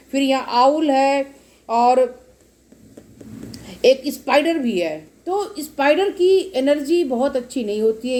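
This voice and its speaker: High-voiced woman reading tarot. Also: dark tone. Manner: explains cards repetitively, addresses viewers directly. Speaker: tarot reader. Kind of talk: casual tarot reading to camera.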